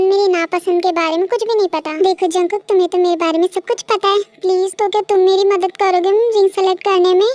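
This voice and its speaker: Woman voicing a sweet young bride-to-be for a fan audio story, coaxing, very high and dry. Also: dry recording.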